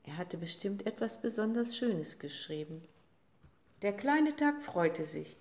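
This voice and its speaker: A woman reading a children's story aloud, slow and expressive, in a roomy recording. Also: medium pitch. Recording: roomy echo.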